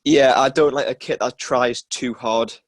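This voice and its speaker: Young man, mid-pitched voice, informal measured chat, podcast co-host, dry recording. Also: steady tone, no echo. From North East England. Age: young adult. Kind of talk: casual football chat.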